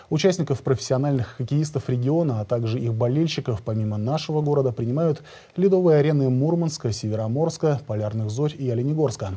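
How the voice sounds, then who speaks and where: A man's voice: medium pitch, mellow, husky. A man in his forties presenting scripted news as an anchor in a TV studio, on a lapel mic.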